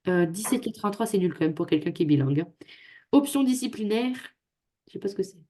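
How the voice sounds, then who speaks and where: A woman's voice: medium pitch, lively intonation, fast, warm tone. A young woman tutoring students over a video call, chatty and joking at her own expense. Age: young adult. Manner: chatty, joking, self-mocking. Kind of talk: casual talk on a video call. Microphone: computer microphone on a video call.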